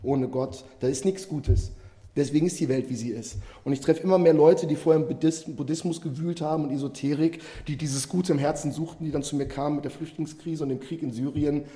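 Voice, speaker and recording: Man preaching, earnest and emphatic, mellow voice, echoing church hall with long reverb. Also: a little high, fairly even intonation, fairly quick. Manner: earnest, rises into emphatic Bible reading. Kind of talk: sermon.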